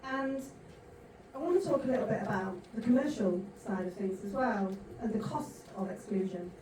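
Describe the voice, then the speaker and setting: A woman's voice: medium pitch, lively intonation, normal speed, dark tone. Emphatic woman moderating in an echoey hall. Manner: emphatic, rhetorical delivery. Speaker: panel moderator. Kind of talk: conference speech and panel moderating. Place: large conference hall. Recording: echoey hall from far off, noisy.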